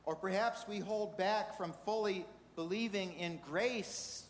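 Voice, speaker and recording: A man preaching a sermon in a measured way, asking the congregation rhetorical questions. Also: high voice, a little hiss or hum. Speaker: pastor. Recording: reverberant hall with faint ambience.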